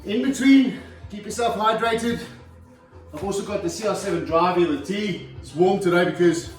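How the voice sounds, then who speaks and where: A man's voice: high voice, normal speed, distant mic, soft background music. A man coaching a home leg workout, demonstrating each exercise as he talks and sometimes running out of breath. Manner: instructive, demonstrating while talking. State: out of breath at times. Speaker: fitness trainer. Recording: echoey room, voice from afar.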